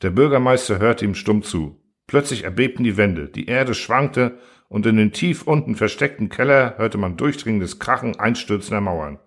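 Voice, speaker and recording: Male audiobook narrator, low voice, steady storytelling. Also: normal speed. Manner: steady storytelling, acting out each character. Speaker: audiobook reader.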